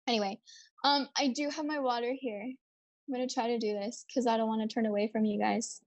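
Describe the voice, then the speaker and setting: Bubbly high-voiced young woman streamer. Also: fairly even intonation, a little fast. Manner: chatty, bubbly, reads out viewer comments. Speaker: livestream host. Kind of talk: casual livestream chat.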